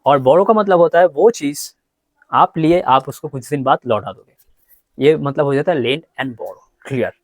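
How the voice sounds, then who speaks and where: A man teaching a grammar lesson, explaining in Hindi and reading examples slowly. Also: fairly high pitch, no room sound. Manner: explains in Hindi, reads English examples slowly and repeats words. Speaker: English teacher.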